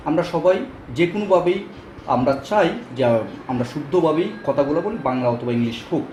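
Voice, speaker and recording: A man's voice: on the high side, lively intonation, a little fast, a little mellow, slight background noise. A man teaching English pronunciation in a casual spoken lesson, explaining step by step with frequent fillers. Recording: echoey room with faint ambience.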